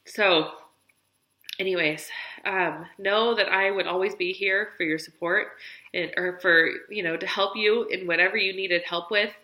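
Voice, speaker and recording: Woman in her thirties, vlog confession, bright voice, earnest, tired, roomy echo. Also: mid-range voice, steady tone, measured pace. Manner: earnest and encouraging, tearful at times. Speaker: vlogger sharing her weight-loss business story. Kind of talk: emotional personal vlog.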